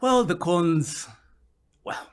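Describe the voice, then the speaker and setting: A man's voice: high voice, expressive, extremely slow, clear, resonant tone. A man, a guest on a podcast interview, explaining his points at length and often circling back with "which basically means".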